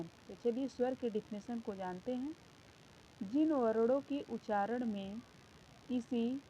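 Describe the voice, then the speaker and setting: A woman's voice: on the high side, mellow. A woman teacher giving a grammar lesson to schoolchildren, explaining patiently, counting out sounds and asking her class questions. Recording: slightly dull lo-fi sound with faint background noise.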